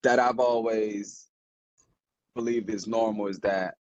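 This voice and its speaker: Young man, lowish voice, dry close sound, telling a personal story in a loose, rambling way. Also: fairly even intonation, slow, no echo, lo-fi sound. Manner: rambling, heartfelt storytelling with many fillers. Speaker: podcast co-host. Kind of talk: casual conversation.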